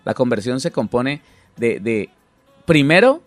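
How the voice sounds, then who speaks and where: A man's voice: medium pitch, very animated, measured pace, no room sound, soft background music. A middle-aged man, a pastor, earnestly explaining Bible teaching in conversation with many restarts.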